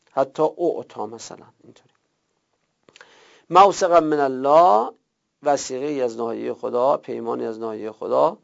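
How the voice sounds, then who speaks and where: A man teaching a Quranic Arabic grammar lesson, drilling verb forms slowly one by one. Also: a little high. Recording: gravelly, dull lo-fi recording.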